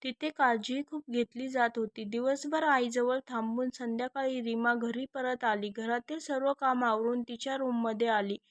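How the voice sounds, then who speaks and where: A woman narrating a storybook in a steady, expressive reading. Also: on the high side, moderate pace, hardly any pauses, no echo.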